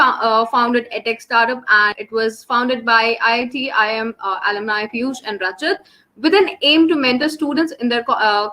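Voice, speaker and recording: A woman's voice: a little high, pushed and bright, low-quality recording. A young woman with an Indian English accent, hosting and presenting a live online webinar for students. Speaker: webinar host. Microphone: online call microphone.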